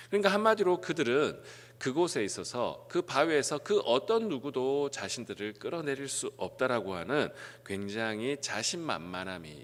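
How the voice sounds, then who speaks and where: Middle-aged man preaching, lots of "eo" fillers, voice jumps up and falls off, echoey church. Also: mid-range voice. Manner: frequent "eo" fillers, rising then dropping phrases. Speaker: pastor. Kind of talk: early-morning sermon. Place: church sanctuary. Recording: church hall reverb.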